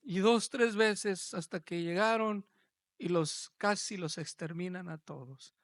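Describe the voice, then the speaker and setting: A man preaching a sermon as pastor, swelling from low talk to loud, shouted passages. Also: unhurried, no room sound.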